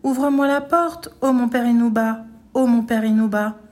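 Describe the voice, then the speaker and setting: Little girl, high sing-song chanting, devoted; a woman reader voices her. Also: steady tone, normal speed, a little mellow, natural voice.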